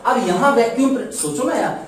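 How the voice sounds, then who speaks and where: A man's voice: extremely high pitch, lively intonation, a little fast. Male teacher in a very echoey room. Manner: keeps asking the class rhetorical check questions; repeats key terms for students to echo back. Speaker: physics teacher. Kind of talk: lecture. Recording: very echoey room, voice far from mic.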